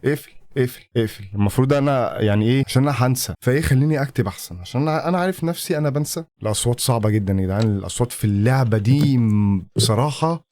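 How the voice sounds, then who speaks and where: A man's voice: mid-range voice, darkish tone, a little hiss or hum. A man with an Egyptian Arabic accent, talking nervously to himself while playing a horror game for his channel. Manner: jumpy, talks to himself, nervous mutterings. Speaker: gaming channel host. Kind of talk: horror game let's-play commentary.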